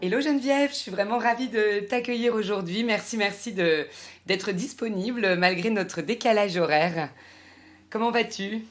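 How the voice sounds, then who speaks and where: A woman with a French accent hosting a podcast, reading a measured scripted intro and then chatting with her guest. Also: medium pitch, soft background music. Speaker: podcast host.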